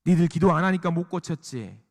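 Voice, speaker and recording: Pastor doing a gruff scolding master, high and pushy, long hall reverb. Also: male voice, lively intonation, a little fast. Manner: gruff, mocking rebuke. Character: stern scolding male teacher, imagined.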